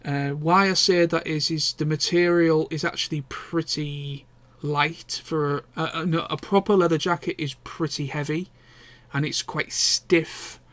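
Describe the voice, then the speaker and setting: A man's voice: fairly high pitch, fairly even intonation, measured pace, a bit bright, no echo. Rambling, self-correcting male vlogger. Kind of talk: casual chat.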